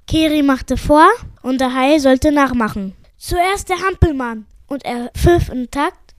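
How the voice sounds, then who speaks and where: A woman's voice: high-pitched, unhurried, no room sound, clean studio sound. A woman narrating a scripted story for children.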